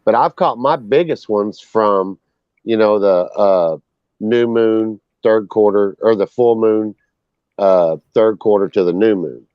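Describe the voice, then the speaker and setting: A man's voice: lowish voice, slow, dry recording. A man on a group call talking fishing, emphatic and cursing freely, who keeps asking "you know.". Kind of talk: casual group chat. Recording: dry, dull lo-fi call audio.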